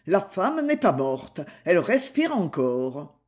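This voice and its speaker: A man reading as a gruff, grumbling army doctor. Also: high-pitched, big pitch swings, slow pace, heavily acted. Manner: grumbling, curt.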